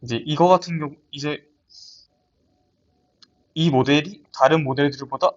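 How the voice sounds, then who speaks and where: A man's voice: a little high, fairly even intonation, measured pace. A young man gives a research paper presentation in a lab seminar, talking hesitantly with frequent restarts and fillers. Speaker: student presenter. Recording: dull lo-fi audio.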